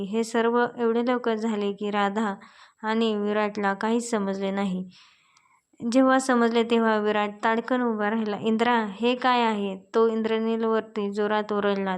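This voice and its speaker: A woman narrating a romantic story as a storyteller, reading every character's lines in her own even voice. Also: mid-range voice, clear, resonant tone.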